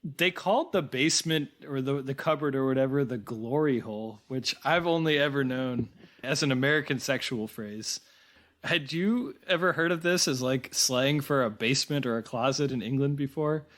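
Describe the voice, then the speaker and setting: A man co-hosting a film podcast talks through the ideas behind a movie. He muses as he goes, hedging with "like" and "kind of". His voice sits at an ordinary, middle pitch. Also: moderate pace, a bit bright. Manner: thoughtful, analytical, hedges with "like" and "kind of". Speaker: podcast co-host. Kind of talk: casual film review chat.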